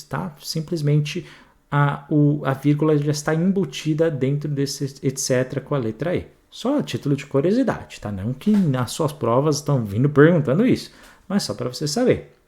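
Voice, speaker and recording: Animated Brazilian teacher, lively pitch. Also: male voice, creaky. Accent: Brazilian Portuguese. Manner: chatty, animated, frequent "tá?" check-ins. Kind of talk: exam-prep grammar lesson.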